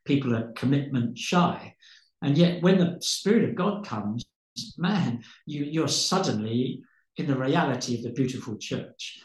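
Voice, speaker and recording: A man's voice: mid-range voice, lively intonation, a little slow. A man, a pastor, telling stories with fervent, preaching energy, often repeating words as he builds. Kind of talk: passionate storytelling in conversation. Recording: roomy echo.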